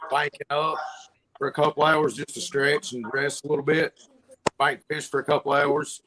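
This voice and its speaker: A man, a tournament angler, talking slowly and haltingly over a video call that keeps breaking up. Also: fairly high pitch, level tone, crowd noise, poor audio. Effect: on a video call with a breaking-up connection.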